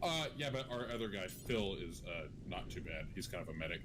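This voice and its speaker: A man's voice: deep voice, lively intonation, a little fast, noisy background. A man co-hosting a livestream chat, easygoing and supportive with blunt asides. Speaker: co-host.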